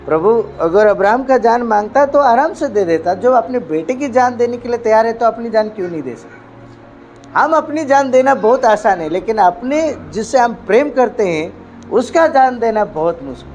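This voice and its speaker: A male pastor from India preaching a sermon emphatically, with frequent hallelujahs and swings between loud and hushed delivery. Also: extremely high pitch, animated, moderate pace, soft background music.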